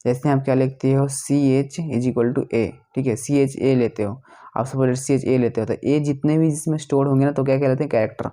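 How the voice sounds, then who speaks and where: A man's voice: medium pitch, warm tone. A male teacher explaining a lesson, repeating each question and answering it himself, often correcting himself mid-sentence.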